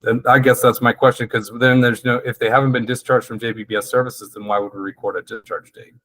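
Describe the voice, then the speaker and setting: A man's voice: medium pitch, level tone, fast talker, fairly bright tone, no echo, rough recording. A man taking part in an online meeting, thinking aloud as he asks questions, heard over a video call. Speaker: meeting participant. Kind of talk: casual online meeting talk.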